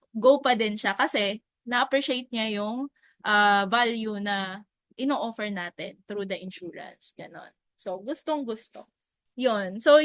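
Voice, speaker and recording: A young Filipino woman telling a story about her work with clients in a chatty, animated way, often turning to her viewers. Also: on the high side, no room sound. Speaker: insurance agent. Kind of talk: casual storytelling vlog.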